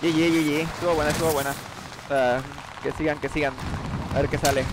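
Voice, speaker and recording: A man's voice: on the high side, fairly even intonation, a little fast, background noise. A man with a Mexican accent, live-streaming a game in a casual, slangy, chummy way, thanking viewers by name. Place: home gaming setup. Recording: loud in-game gunfire behind voice.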